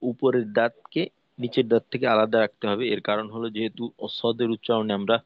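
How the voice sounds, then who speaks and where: Teaching Arabic letter pronunciation, this Quran recitation teacher demonstrates every sound and patiently goes over his points again. He speaks fairly quickly in a level, mid-range voice, and the lo-fi recording has no room sound.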